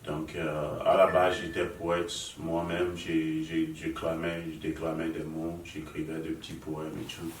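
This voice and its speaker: A man, answering interview questions as a guest musician, in halting, hesitant phrases. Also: extremely low pitch, monotone. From Nigerian father, raised in Lomé, Togo. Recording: echoey room, mic far off, faint noise.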